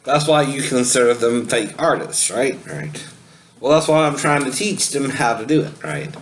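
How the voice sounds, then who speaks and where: A man's voice: medium pitch, moderate pace, a little hiss or hum, poor audio. A man giving a casual spoken singing lesson who rambles, laughs often and keeps asking "right?" to check the listener is following. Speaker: singing teacher.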